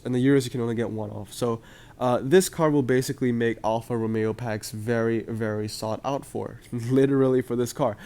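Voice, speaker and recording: Chatting upbeat to his viewers, this young mobile game host fills his casual gaming commentary with frequent "uh" and "um." His medium-pitched, mellow voice sounds slightly off because of a cold.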